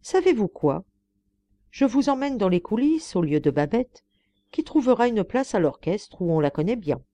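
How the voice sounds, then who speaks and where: A woman's voice: mid-range voice, very animated, normal speed, warm tone, lightly acted. A woman voicing a commanding grand tragedienne.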